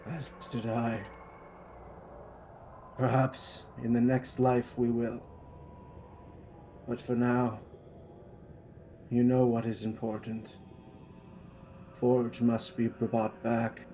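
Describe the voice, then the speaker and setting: A man voicing a dying old male mentor who speaks a grave, halting farewell. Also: mid-range voice, monotone, dark tone, a little hiss or hum. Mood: solemn.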